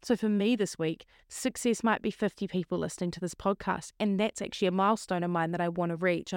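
Female podcast host, mid-pitched and slightly croaky, earnest and encouraging, recorded dry and close. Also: darkish tone, no room sound. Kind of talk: solo motivational podcast talk.

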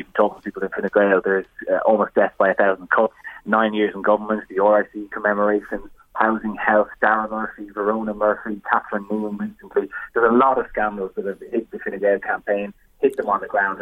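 A man's voice: lowish voice, husky, dry recording. An Irish man giving live political analysis as a correspondent, fluent and analytical, over a phone-like connection. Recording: narrow, tinny phone-like line.

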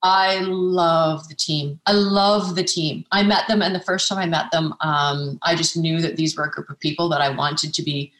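A woman speaking with a fairly low voice answers interview questions earnestly. She restarts her phrases and often adds a questioning "right?". The sound carries a roomy echo. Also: steady tone, moderate pace, hardly any pauses, fairly bright tone. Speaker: naturopathic physician guest.

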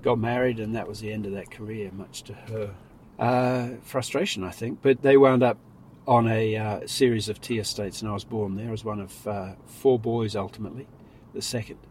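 A middle-aged man, born in Sri Lanka and raised in New Zealand, talks through his family story in a casual interview in a car. He speaks in a measured, reflective way, and his sentences often trail off softly. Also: lowish voice, fairly even intonation, rough recording. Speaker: interview guest. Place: inside a car. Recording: faint road noise.

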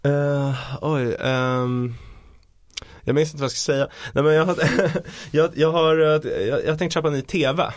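A man co-hosting a podcast in casual chat, telling jokes and stories with animated voice impressions. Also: no room sound, clean studio sound. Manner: animated storyteller, mimics voices with big pitch jumps; fillers and restarts, joking. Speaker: podcast co-host.

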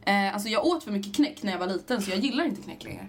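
A young woman chatting with a friend, lively and chatty with lots of fillers, and asking the questions. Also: mid-range voice. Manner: animated, chatty, full of fillers. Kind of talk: casual chat.

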